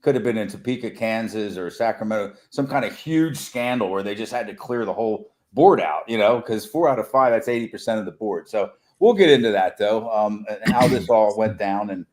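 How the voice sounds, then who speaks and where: A man's voice: fairly low pitch, fairly quick, hardly any pauses, darkish tone. A man co-hosting a local podcast, chatty and joking. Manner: joking, chatty, laughs often. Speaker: podcast co-host. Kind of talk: casual chat.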